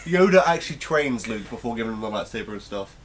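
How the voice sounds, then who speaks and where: A man's voice: mid-range voice, expressive, fast. A young man, co-hosting a casual debate, mocking and laughing as he argues. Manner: mocking, laughing, puts on voices to mimic. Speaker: podcast co-host.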